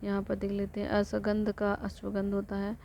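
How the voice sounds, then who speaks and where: A woman teacher reciting vocabulary lists for exam prep in a flat rote way, sometimes correcting herself. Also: mid-range voice, moderate pace, vocal fry. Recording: dull lo-fi recording with faint noise.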